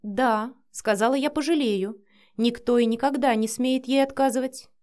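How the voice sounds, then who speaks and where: A woman voicing a cautious middle-aged nanny in an audiobook, speaking in a measured, dry way. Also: on the high side, steady tone, darkish tone, close to an everyday voice. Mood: guarded. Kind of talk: audiobook character voice.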